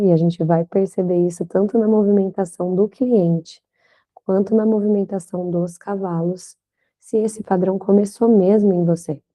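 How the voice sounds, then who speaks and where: Mellow-voiced woman teaching, full of questions. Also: on the low side, poor audio. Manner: reflective, asks many questions, frequent "né?". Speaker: instructor. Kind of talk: recorded online lecture.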